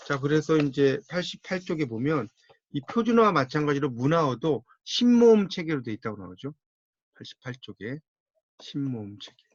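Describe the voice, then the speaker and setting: A man's voice: a little high, dry recording. A man giving a classroom lecture, steadily talking students through a textbook page by page and telling them what to circle and underline. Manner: steady instructive pace, tells students to mark the textbook. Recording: dull, muffled dry audio.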